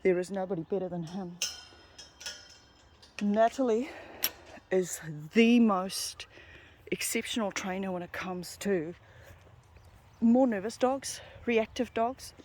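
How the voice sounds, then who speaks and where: A woman's voice: medium pitch, slow pace, pauses often, a little mellow, a little hiss or hum. New Zealand woman, dog trainer, chatty explainer, outdoor walking vlog. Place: outdoors in native bush on a walk.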